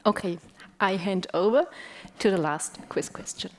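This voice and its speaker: Slow, giggly woman presenter. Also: mid-range voice, background noise. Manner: laughs often while quizzing the audience. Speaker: conference presenter. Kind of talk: conference talk with audience quiz.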